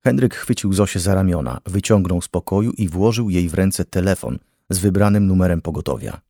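Male audiobook narrator, very deep voice, dry studio sound, steady and grave. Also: a little fast, dry recording. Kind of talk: scripted narration.

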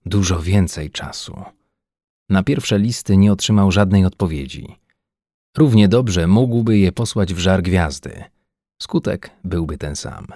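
A man reading a science-fiction audiobook aloud in measured, even scripted narration. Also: low-pitched, dry recording, studio quality.

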